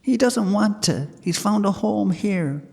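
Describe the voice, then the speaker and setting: A man's voice: high voice, animated, unhurried, gravelly, darkish tone, breathy edge, voice pushed up, heavily acted. A man voicing a frightened young farm girl who fiercely protects her horse. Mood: defiant. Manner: pleading, breathless urgency. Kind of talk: storytelling. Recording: long hall reverb.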